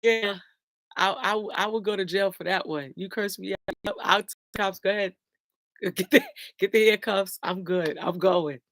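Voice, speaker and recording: A woman's voice: mid-range voice, moderate pace, fairly bright tone, no room sound. A middle-aged woman, talking casually and bluntly to viewers on a livestream and laughing often. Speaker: livestream host.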